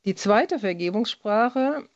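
A woman's voice: mid-range voice, lively intonation, takes it slowly, dry recording, muffled recording. A middle-aged woman speaking as a guest on a broadcast, earnestly explaining and appealing directly to listeners.

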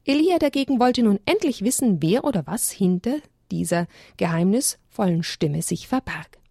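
A woman reading a children's story aloud in a gentle, expressive way. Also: mid-range voice, moderate pace, creaky, slightly rough, dry recording, studio quality.

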